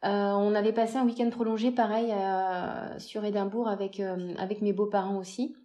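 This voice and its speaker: A woman being interviewed, chatting casually about a trip, animated and full of hesitations and repeated words. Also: medium pitch, normal speed. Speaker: interview guest recounting a road trip.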